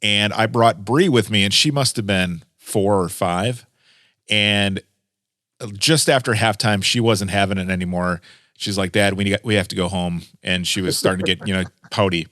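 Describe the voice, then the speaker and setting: A man's voice: on the low side, moderate pace, a bit bright, no room sound, studio quality. A man hosting a radio show, chatting casually with a guest and laughing easily. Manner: friendly, laughs easily, wraps up the segment. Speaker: radio host.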